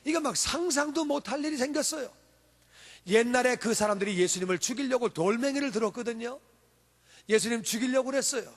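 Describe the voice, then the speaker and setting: A man's voice: extremely high pitch, lively intonation, fairly quick. A male pastor preaching a sermon, telling the story with emphatic rhetorical questions. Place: church sanctuary. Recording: long church hall reverb.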